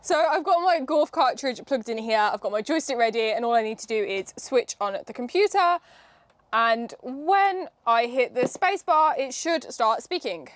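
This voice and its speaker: A woman's voice: a little high, expressive, moderate pace. A young woman hosting a casual hands-on demo, chatting and explaining each step with a few fillers. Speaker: host.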